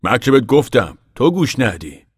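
A man voicing a determined older farmer father who speaks loudly and insistently in an audiobook reading. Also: mid-range voice, very animated, husky, no echo, studio quality, pitched above the performer's own voice. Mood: earnest. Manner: loud, insistent, raised voice.

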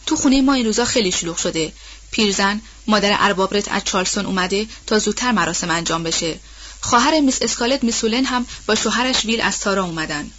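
A woman's voice: medium pitch, animated, fairly bright tone, dull audio. A woman voicing an anxious, gossipy old household nanny woman in an audiobook, talking in a rambling, colloquial way. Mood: worried. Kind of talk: audiobook role-play reading.

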